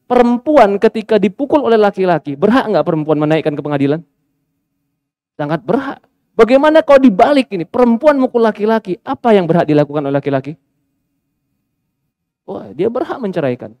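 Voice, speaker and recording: Male preacher giving a lecture, high pitched and dry, forceful emphasis. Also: no echo. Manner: emphatic, with rhetorical questions and exclamations. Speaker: Islamic preacher. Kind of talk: religious study lecture.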